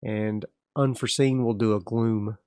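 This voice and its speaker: With a lowish, clear and resonant voice, a man speaks a little slowly while playing a tabletop game by himself. He rambles easily and keeps restarting as he sets up the next area, and the recording is dry and studio quality.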